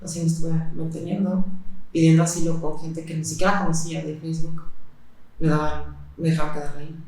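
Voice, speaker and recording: A woman recounts her experiences in an interview, speaking in a flat, even tone. She talks haltingly, filling her pauses with hesitations. The recording is heavily echoey. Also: low voice, slight background noise. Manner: halting, with frequent fillers and pauses. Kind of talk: personal testimony in interview. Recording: very echoey room.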